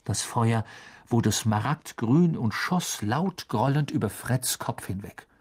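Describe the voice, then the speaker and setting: Expressive male audiobook reader. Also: medium pitch, slow pace, husky. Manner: lively, expressive storytelling. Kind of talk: scripted narration.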